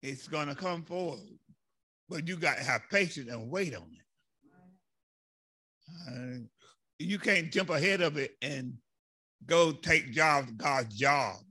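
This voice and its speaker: High, bright-voiced impassioned male preacher. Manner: impassioned, builds to shouts and drawn-out emphasis. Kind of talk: sermon.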